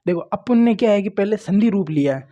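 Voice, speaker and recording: Expressive and a little fast, a man's high, dark-toned voice comes through lo-fi sound as he teaches grammar at a board. The Rajasthani teacher is plain and coaxing, repeatedly telling his students "देखो" ("look") and "ठीक है" ("okay").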